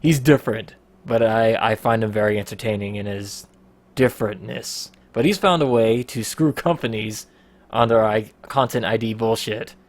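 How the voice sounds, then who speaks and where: A man's voice: fairly low pitch, normal speed. A man hosts a casual podcast in an easygoing, rambling way. He swears freely and laughs often as he talks. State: out of breath. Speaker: podcast host.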